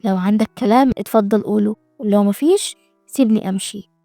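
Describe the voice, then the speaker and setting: A woman's voice: medium pitch, fast talker, mellow, dry recording, clean studio sound, soft background music, close to an everyday voice. A woman voicing a proud, defiant young woman. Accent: Egyptian Arabic. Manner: curt and defiant.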